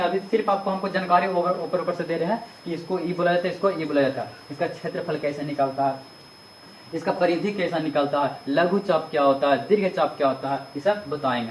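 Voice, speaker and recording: A male maths teacher, teaching a class in a lecture that asks questions and repeats the answers. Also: fairly high pitch. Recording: echoey room, mic far off, faint noise.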